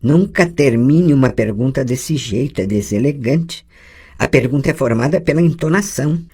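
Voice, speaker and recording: An audiobook reader voicing a patient adult sorceress who teaches a girl, calm and gently correcting, with a lively, wide-ranging delivery. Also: medium pitch, normal speed, husky. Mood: instructive. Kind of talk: audiobook dialogue reading.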